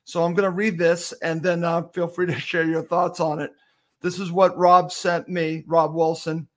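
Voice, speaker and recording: High-voiced man hosting an interview. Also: flat delivery, normal speed. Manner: polite, plain interviewer who reads out sent-in questions. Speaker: podcast host, interviewer. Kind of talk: interview questions.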